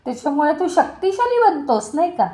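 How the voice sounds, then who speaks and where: A woman's voice: high voice, very animated, brisk, mellow. A woman storyteller voicing a proud, fierce divine male monkey warrior in a devotional story. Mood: taunting.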